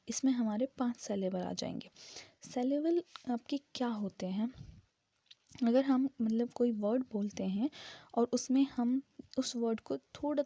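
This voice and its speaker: Woman teacher, casual lesson, husky, mellow, higher voice, dry close sound, breaks words into syllables. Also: no room sound. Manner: explains step by step, spells out syllables slowly. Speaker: English grammar teacher.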